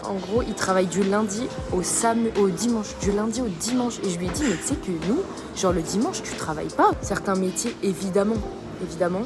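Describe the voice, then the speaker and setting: A woman's voice: medium pitch, expressive, over music. A young woman from France, a student athlete chatting casually to her phone camera in an exclamatory vlog style. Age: young adult. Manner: chatty, exclamatory, quick asides. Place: college campus.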